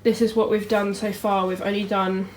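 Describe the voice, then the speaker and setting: A woman's voice: medium pitch, little pitch movement, normal speed, a little hiss or hum. A young woman giving a casual, chatty vlog walkthrough of her home kitchen on a handheld camera, with lots of ums. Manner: chatty, filler-heavy, showing things as she goes. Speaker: home baker and vlogger.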